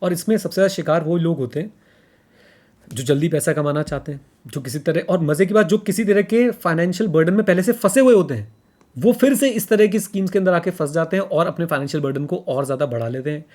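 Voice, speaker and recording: A man's voice: fairly high pitch, fast, a little mellow. A man co-hosting a podcast in casual talk, emphatic, repeating his points and mixing in English phrases. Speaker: podcast co-host.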